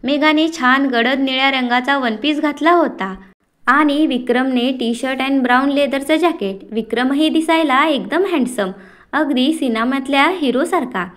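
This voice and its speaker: A woman narrating a family story, reading it aloud in a descriptive, measured way. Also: high voice, fairly bright tone.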